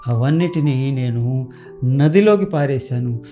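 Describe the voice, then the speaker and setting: A man voicing a young man who regrets throwing diamonds away, speaking slowly and mournfully. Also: mid-range voice, animated, warm tone, soft background music, close to an everyday voice. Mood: lamenting.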